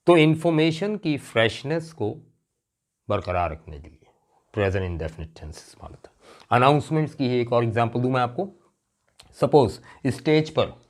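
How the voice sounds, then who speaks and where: A man teaching English grammar in a classroom lecture, explaining slowly and stretching out example words. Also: mid-range voice, darkish tone. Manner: slow, deliberate explaining with drawn-out example words.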